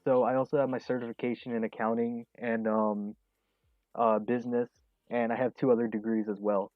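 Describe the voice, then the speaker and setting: On his casual trading stream, a young man around twenty goes through chat questions a little fast, his mid-pitched voice loose and sprinkled with ums and quick laughs. Audio is narrow, tinny and phone-like, with no room echo at all.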